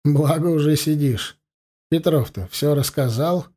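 A man voicing a calm, shrewd police investigator in an audiobook reading, coaxing and ironic. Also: fairly high pitch, a little slow.

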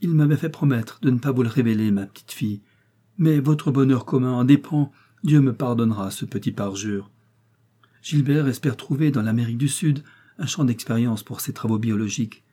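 Man doing an old grandmother, spirited, exclaiming, husky edge. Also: mid-range voice, moderate pace, dark tone, lightly acted. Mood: confiding. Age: older. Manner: lamenting, then jolly exclamations.

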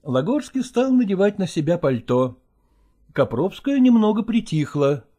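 A woman reading a novel aloud in a measured storytelling way. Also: mid-range voice, big pitch swings, warm tone. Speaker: audiobook reader. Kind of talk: scripted narration.

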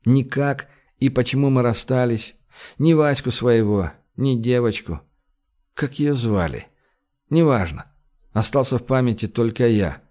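A man's voice: mid-range voice, unhurried, a little mellow, natural voice. A man voicing a weary, troubled man who speaks in a subdued mutter. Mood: brooding. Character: weary, troubled man holding back despair.

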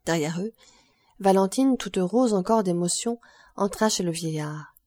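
A woman reading a classic novel aloud as an audiobook narrator, calm and measured. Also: medium pitch, no echo. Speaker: audiobook reader.

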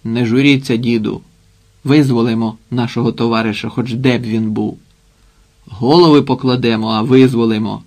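A man reading the part of a bold young male Cossack in an audiobook, with a forceful, rousing delivery. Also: mid-range voice, steady tone, moderate pace, close to an everyday voice.

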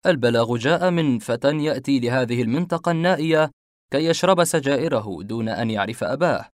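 A man voicing a calm, confident male police officer in a spoken detective story, questioning witnesses in a measured way. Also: medium pitch, dry recording, studio quality, close to an everyday voice. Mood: probing.

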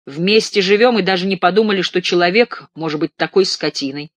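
In a dry, close reading, a man plays a stern and weary male patient who scolds firmly. The voice is pitched a little high. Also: a little fast, no echo, natural voice. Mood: reproachful. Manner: firm, reproachful.

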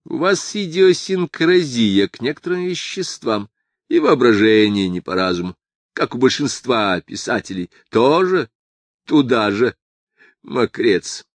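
A man voicing a calm, wry male doctor in an audiobook, mocking and brusque. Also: mid-range voice, a little slow, no room sound. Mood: lecturing. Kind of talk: audiobook character voice.

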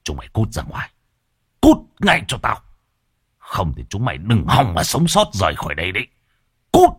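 A man's voice: very deep voice, sing-song, measured pace, breathy edge, dry recording, pitched below the performer's own voice, heavily acted. A man voicing a possessed father who has turned cold and menacing, snarling harsh commands in a dry recording.

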